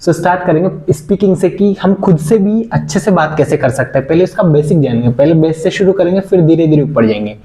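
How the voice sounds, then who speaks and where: A man's voice: a little high, animated, brisk, few pauses, mellow. A young man teaching a casual online communication skills class, chatty and earnest, mixing English words into his speech. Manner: chatty, pleading, mixes English words into Hindi. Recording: echoey room.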